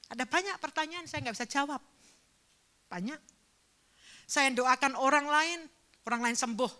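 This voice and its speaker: A woman pastor preaching a sermon at a church service, telling a personal story with emotion and swinging between fervent and hushed speech. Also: a little high.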